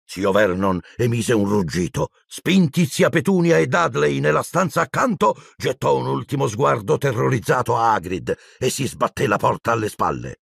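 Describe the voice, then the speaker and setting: A middle-aged man narrating an audiobook in an expressive, theatrical storytelling manner with a gravelly, husky voice. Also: medium pitch, moderate pace, few pauses, no room sound, studio quality.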